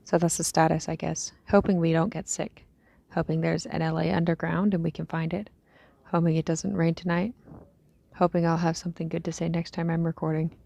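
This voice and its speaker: Weary, low, creaky-voiced young woman survivor, acted. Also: little pitch movement, dark tone. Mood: resigned. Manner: low-key, halting, musing aloud. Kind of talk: scripted audio diary monologue, fiction drama.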